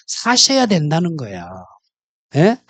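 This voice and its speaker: A man's voice: a little high, wildly swooping pitch, slow pace, no room sound. A man preaching a sermon in church, mixing jokes and stories into his message. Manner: humorous, storytelling. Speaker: pastor.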